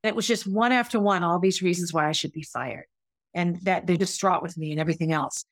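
A woman's voice: fairly low pitch, fairly quick, no echo. Middle-aged woman, candid and emotional, solo storytelling host, dry close sound. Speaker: podcast host, former teacher. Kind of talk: personal storytelling monologue.

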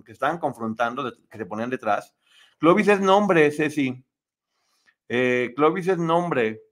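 A man hosting a casual commentary stream, sarcastically mocking reality-show contestants and answering chat messages. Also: fairly high pitch. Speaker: host reading live chat.

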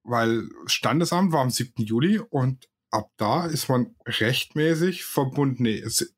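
A man's voice: medium pitch, expressive, measured pace, breathy edge. Joking man in his thirties. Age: 30s. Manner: joking, colloquial. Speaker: podcast co-host. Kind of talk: casual podcast chat.

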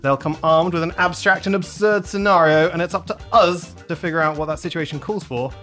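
A man's voice: fairly high pitch, fairly quick, a bit bright, soft background music. A man hosting a podcast in casual chat, laughing often and tripping over his words. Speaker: podcast host.

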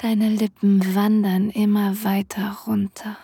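Breathy woman in slow ASMR role-play. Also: mid-range voice, flat delivery, no echo. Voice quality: breathy, airy soft voice. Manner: sensual, intimate, addressing the listener directly. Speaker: erotic audio performer. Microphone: close microphone, dry sound.

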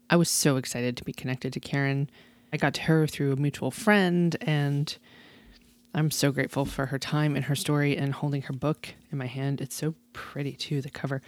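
Low-voiced, chatty woman podcast host. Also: a little mellow, no room sound. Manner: chatty and enthusiastic, laughs often. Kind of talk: casual podcast chat.

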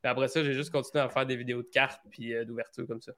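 A man with a Québécois accent, a podcast guest talking in a relaxed, hesitant way with plenty of fillers. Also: mid-range voice, very fast. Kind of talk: casual interview chat.

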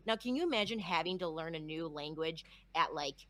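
A woman's voice: deep voice, expressive, brisk, fairly bright tone. A woman of about thirty chatting on a podcast, earnest and joking. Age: 30s. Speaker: co-host. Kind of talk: casual podcast chat.

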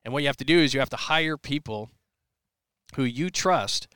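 A man's voice: mid-range voice, moderate pace, a bit bright, clear, resonant tone, dry recording, studio quality. A middle-aged man hosting a sports talk show, chatting loosely and rambling with many restarts as he answers a listener's question. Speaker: sports radio host. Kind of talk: live podcast chat answering listener questions. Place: press area at a big sports event.

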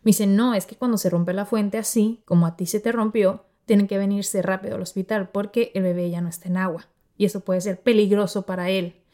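On her podcast, a thirtysomething host narrates something that happened to her, talking fairly quickly at a medium pitch. She keeps it casual and animated, imitating the voices of the people she quotes.

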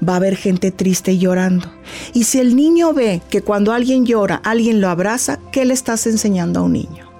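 A woman's voice: medium pitch, animated, brisk, soft background music. A middle-aged woman, a grief therapist, explaining patiently and acting out little talks with a child. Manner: warm, didactic, acts out little dialogues with a child. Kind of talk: explanatory interview talk.

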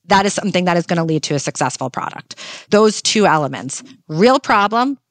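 Upbeat, pragmatic woman with a low voice. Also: expressive, fairly quick, dry recording, studio quality. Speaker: guest. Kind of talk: podcast conversation.

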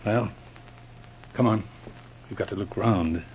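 Terse Inspector Blair, muffled old radio. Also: male voice, fairly low pitch, slow pace, slight background noise. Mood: cautious, businesslike. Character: resolute police inspector, cool and shrewd. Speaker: radio drama actor. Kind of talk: 1940s radio adventure serial acting.

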